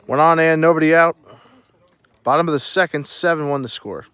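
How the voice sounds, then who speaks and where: Higher-pitched man calling baseball play-by-play. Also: a little fast, fairly bright tone, clear, resonant tone, no echo. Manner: short clipped count and pitch updates. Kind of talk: live baseball commentary.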